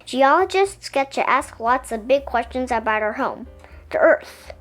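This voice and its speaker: In an unhurried, scripted read-aloud of a children's science picture book, a woman with a high, very melodic voice explains things expressively. Soft music accompanies her storytelling.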